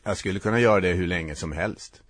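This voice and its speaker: A man narrating a first-person story in a reflective, halting way, with short clipped sentences. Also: deep voice, no room sound.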